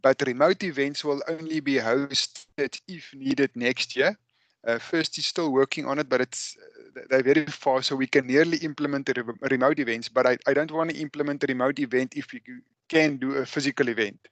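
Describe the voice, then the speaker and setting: A South African man hosts a webinar over a video call, picking his way through answers with fillers and restarts. His voice sits in a middle pitch, and the sound is dry and close. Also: steady tone, a bit bright, no echo. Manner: halting, many fillers and restarts. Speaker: webinar host. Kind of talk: hosting an online webinar.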